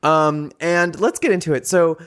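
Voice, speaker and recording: A man's voice: on the high side, normal speed, a bit bright, clear, resonant tone. A man hosting a podcast in a casual, joking way, laughing often. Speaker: podcast host.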